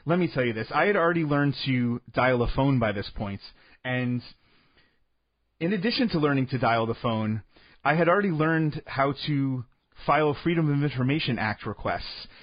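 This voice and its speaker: A man telling a comic sports story in a deadpan way, full of absurd made-up details, rambling and restarting his sentences. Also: mid-range voice, no echo, muffled recording. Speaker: comedic storyteller.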